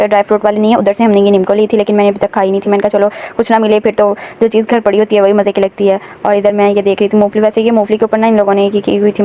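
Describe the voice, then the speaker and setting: A woman's voice: medium pitch, mellow. A young woman narrating her day at home in a chatty vlog voice-over, talking straight to her viewers. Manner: chatty, addresses viewers directly. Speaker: vlogger.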